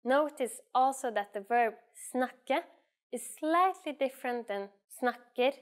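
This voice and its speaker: Woman, Norwegian accent, slightly high pitch, language teacher, scripted lesson delivery, careful instructional enunciation. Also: expressive. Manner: clear, instructional enunciation with slowly repeated phrases.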